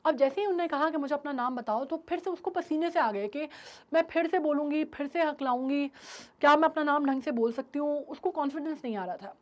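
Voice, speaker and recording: High-voiced woman explaining a story. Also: brisk. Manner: retells in a mix of Hindi and English, checks in with "right?". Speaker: English teacher. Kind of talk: explaining a story in a recorded class.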